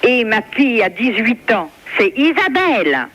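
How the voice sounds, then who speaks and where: A French woman in her fifties, a member of the public receiving a prank call, chats casually on the phone in an accommodating, hesitant way. Her voice is on the high side and fairly bright, very animated yet unhurried. The phone call recording has faint noise.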